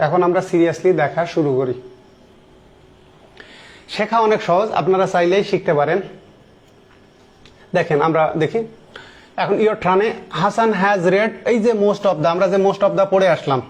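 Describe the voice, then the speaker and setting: A high-voiced man in his thirties leads an online grammar lesson, working through each example step by step while questioning his students and repeating key words. When he reaches each English sentence, he slows way down to spell it out.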